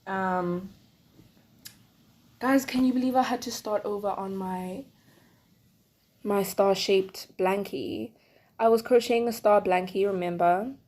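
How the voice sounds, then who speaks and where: A woman's voice: mid-range voice, darkish tone. A woman in her twenties chatting casually on her solo podcast, rambling along with lots of fillers while she crochets. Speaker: podcast host.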